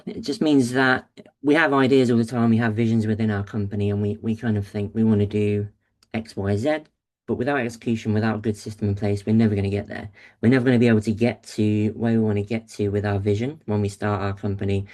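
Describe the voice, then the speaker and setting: A man presenting a business webinar over a video call microphone, his voice slightly low and warm. He talks in a casual, upbeat way, with plenty of ums and uhs. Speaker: webinar host, agency founder.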